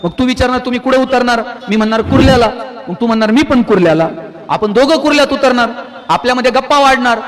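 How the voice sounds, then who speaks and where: A man with a strikingly high voice delivers a motivational speech to a live audience. He tells stories and swings between loud, pointed peaks and hushed drops. The sound carries a long reverb from a large hall. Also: fast talker. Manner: rousing, storytelling, with sharp rises and drops in pitch and loudness. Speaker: motivational speaker.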